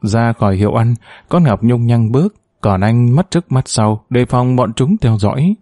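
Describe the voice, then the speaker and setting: A man narrating a story aloud in a measured, expressive audiobook style. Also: medium pitch, no echo, clean studio sound.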